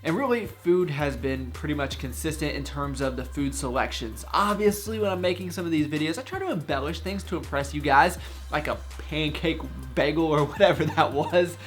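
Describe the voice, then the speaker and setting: A man's voice: on the high side, lively intonation, brisk. Chatty young man vlogging over faint music. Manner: chatty and upbeat, self-mocking asides. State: out of breath after lifting. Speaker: fitness vlogger. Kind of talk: casual vlog talk to camera. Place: home gym.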